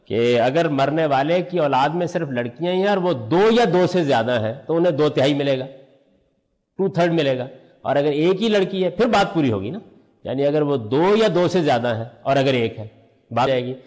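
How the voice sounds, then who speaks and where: A man's voice: a little high, expressive, a little mellow, long reverb tail. An older man teaching a religious lesson, explaining step by step and answering his own questions. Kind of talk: lecture on Quranic language.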